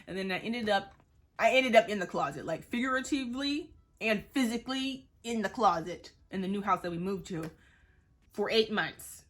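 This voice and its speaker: A woman in her twenties from Boston, rambling in a casual chat with many fillers and acted-out quotes. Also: medium pitch. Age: 20s. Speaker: vlogger. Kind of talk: casual chat while getting ready.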